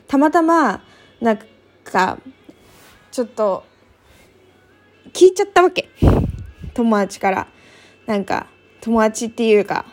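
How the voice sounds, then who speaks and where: A woman's voice: a little high, darkish tone. A young woman chatting casually to her viewers, telling a personal story with many fillers and acted-out quotes. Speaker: vlogger.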